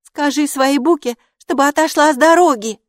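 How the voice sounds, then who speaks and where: A bossy, sardonic girl who snaps out her words with a sarcastic edge, as a woman voices her in a storybook. Her voice is raised and lively. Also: high-pitched, normal speed, dry recording, clean studio sound, pitched above the performer's own voice. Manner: snappy, sarcastic.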